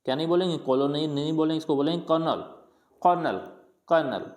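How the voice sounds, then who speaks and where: This explanatory pronunciation lesson comes from a fast-talking teacher whose medium-pitched voice is steady and a little mellow. The teacher patiently drills words in a colloquial manner, answering their own questions and repeating each word several times.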